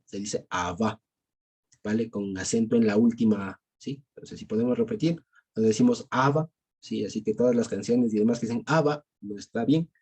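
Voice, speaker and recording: A man's voice: mid-range voice, warm tone, husky. A man with an Ecuadorian Spanish accent teaching a small-group Bible class over a video call, explaining step by step and checking in with his listeners after each point.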